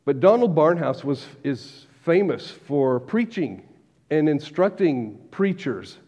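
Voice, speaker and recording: A man preaching a sermon as pastor, measured, slowing down to stress key words. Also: a little high, very animated, mellow. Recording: dull lo-fi recording with long hall reverb.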